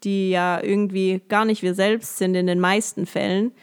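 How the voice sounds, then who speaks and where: A woman, a yoga teacher and coach, calmly guiding listeners through a coaching exercise with many gentle questions and frequent light laughs. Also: mid-range voice, normal speed, clear, resonant tone. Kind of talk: guided coaching exercise, podcast.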